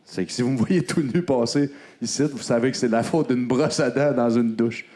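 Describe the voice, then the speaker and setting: Hosting a live comedy show from a comedy club stage, a man with a Québécois accent teases the audience with mock outrage. His voice is mid-range and mellow, at a moderate pace.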